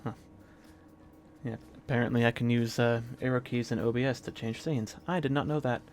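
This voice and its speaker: A man live-streaming a video game, talking casually with a scratchy, hoarse throat and a rambling manner full of fillers and restarts. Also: medium pitch, fairly even intonation, a little fast.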